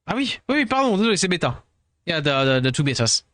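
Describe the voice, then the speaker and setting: Tired French streamer, higher voice. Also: male voice, very animated, fairly quick, a bit bright, no room sound. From France. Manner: rambling, self-deprecating, mixes in English words. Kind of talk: casual chat with viewers.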